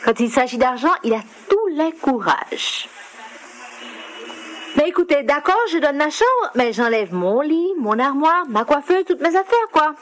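A headstrong young granddaughter, high-voiced. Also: female voice, sing-song, unhurried, a little hiss or hum, low-quality recording. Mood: indignant. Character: headstrong granddaughter, bargaining and fed up, in family serial. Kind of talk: radio serial drama acting.

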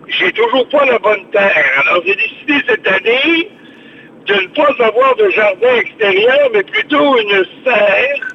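High-voiced Québécois man on a phone line. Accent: Québécois French. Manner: chatty and expansive, repeats words. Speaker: radio show host on the phone. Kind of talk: casual radio chat. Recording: dull lo-fi phone line with faint noise.

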